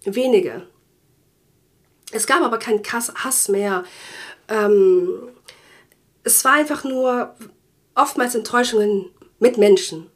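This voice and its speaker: A woman from Germany hosting a faith podcast, telling her personal testimony earnestly, often slowing down and sinking into soft whispers. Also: on the high side. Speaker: podcast host.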